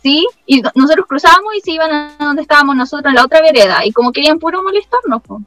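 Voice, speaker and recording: A woman's voice: sits high, fast, dry recording, soft background music, low-quality recording. A young woman with a Chilean accent, a former missionary, telling a story in casual chat and often saying 'como'. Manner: lively storytelling, leans on the filler 'como'.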